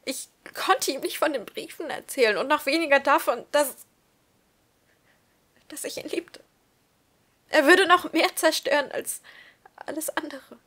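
A young woman reading a story aloud with expression, often dropping to a soft whisper. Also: high voice, measured pace, pauses often. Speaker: story reader.

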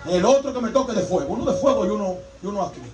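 A male preacher giving an animated sermon, acting out the voices of his congregation. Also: high-pitched, racing, crowd noise. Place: church hall. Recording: echoey hall from far off with music.

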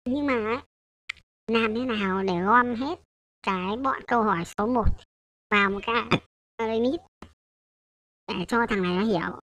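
Her voice is fairly high with a fairly bright tone. In a relaxed coding tutorial, she talks through the material hesitantly, corrects herself as she goes and regularly checks in with the audience.

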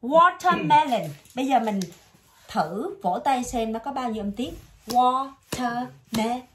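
A woman with a Southern Vietnamese accent tutoring English vocabulary one-on-one, patiently drawing words out slowly and repeating them. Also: on the high side, dark tone, slight background noise.

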